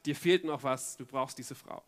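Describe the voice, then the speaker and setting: A man voicing a sly, tempting inner voice, speaking low, slow and hushed. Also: lightly acted.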